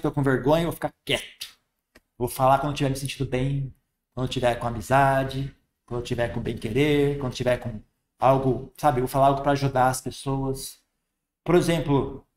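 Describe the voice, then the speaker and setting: A man with a Brazilian Portuguese accent, a Buddhist monk giving a conversational dharma talk, often tagging "sabe?" and "né?". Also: mid-range voice.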